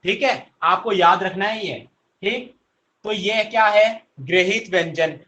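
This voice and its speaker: Man, teacher, online lesson, slow pace, quizzing, repeats questions. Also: sits high, pushed and bright, muffled recording. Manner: drills students with repeated questions; answers his own questions.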